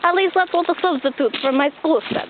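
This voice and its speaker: A woman's voice: extremely high pitch, fairly quick. Giggly young woman in a mock accent. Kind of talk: casual chat in a mock accent. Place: outdoors at night, walking. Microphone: handheld recorder. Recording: noisy lo-fi outdoor recording.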